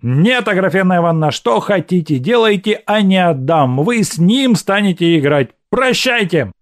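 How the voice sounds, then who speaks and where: A man's voice: high voice, expressive, normal speed, voice pushed up. Man doing a grumbling lazy young servant. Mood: excited protesting. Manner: drawling, grumbling. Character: young male manservant, lazy, grumbling, burly.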